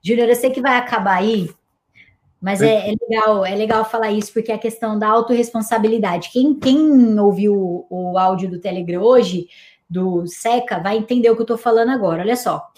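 A young woman, hosting a live stream as a weight-loss coach and talking in an emphatic, energetic way. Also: medium pitch, fairly quick. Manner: emphatic, self-described energetic, scolding but affectionate. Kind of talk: energetic motivational live chat.

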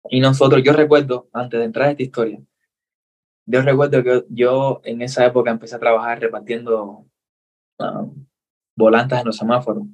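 In a relaxed interview, a young Cuban man tells his own story earnestly, his accent Cuban Spanish and his voice at an ordinary middle pitch. He's an animated storyteller who acts out lines in the voices of the people involved. He speaks at a moderate pace, and the highs are cut off.

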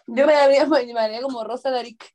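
Fast-talking Chilean woman telling anecdotes. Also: high voice, fairly even intonation, darkish tone. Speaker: podcast co-host. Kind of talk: casual storytelling chat.

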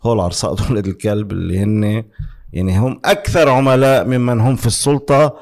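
A man's voice: on the low side, steady tone, fast, darkish tone. A man with a Lebanese Levantine Arabic accent in a heated political debate, arguing insistently, repeating words for emphasis and firing off rhetorical questions. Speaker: interview guest giving political commentary.

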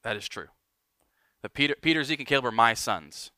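A man preaching a sermon as pastor, emphatic and building, then dropping to quiet lines for weight. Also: mid-range voice, expressive, fairly quick, clear, resonant tone, no room sound, studio quality.

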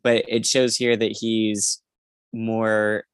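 A podcast co-host chats casually about a book, rambling and hesitating with lots of filler words. His voice is lowish, smooth and level, he takes it slowly, and there is no echo.

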